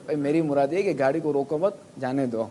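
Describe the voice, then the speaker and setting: A man's voice: mid-range voice, mellow. A man preaching a sermon, explaining Quran pronunciation through spoken examples and asking his listeners to raise their hands. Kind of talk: sermon to a live audience.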